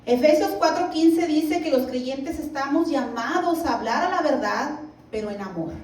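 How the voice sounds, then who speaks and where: A high-pitched woman teaches a Bible lesson in a church hall. She reads scripture at a slow, careful pace and keeps checking in with her listeners. The recording is roomy, picked up from a distance with faint noise behind her. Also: expressive, a little mellow. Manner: reads scripture slowly, asks the listeners "¿verdad?". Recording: echoey room, mic at a distance, faint background noise.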